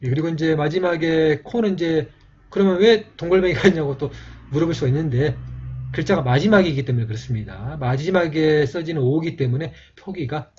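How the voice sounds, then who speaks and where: A man teaching a lesson on old scripts, explaining slowly and haltingly with many fillers. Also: on the high side, a little mellow, breathy edge. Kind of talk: lecture on a video channel. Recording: dull, muffled lo-fi audio.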